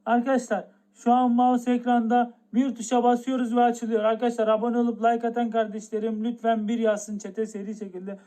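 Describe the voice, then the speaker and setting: Young man, high voice, game streamer, drawn-out hype, keeps repeating himself. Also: completely flat delivery, warm tone. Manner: drawn-out hype, repeats the same phrase over and over. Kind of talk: live game stream talk to chat.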